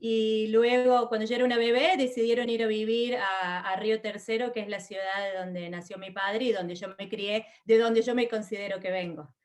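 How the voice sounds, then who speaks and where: A woman's voice: mid-range voice, steady tone, moderate pace, few pauses. A middle-aged woman from Argentina with an Argentine accent, chatting as an interview guest with many fillers and restarts. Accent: Argentine Spanish. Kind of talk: conversational interview.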